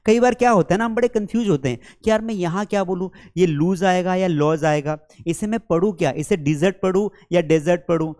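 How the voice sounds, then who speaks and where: Guy teaching english online, patient explaining, says example sentences real slow, calls viewers friends and kids. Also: high voice, darkish tone. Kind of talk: online spoken-English lesson.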